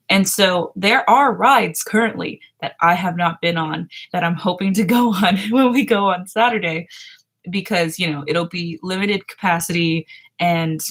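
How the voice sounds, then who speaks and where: This livestream host has a voice on the low side with a bit of brightness. She's a young woman in her twenties chatting casually with chat readers one morning in her small home bedroom, often laughing and trailing off into fillers while a webcam frames her at the desk.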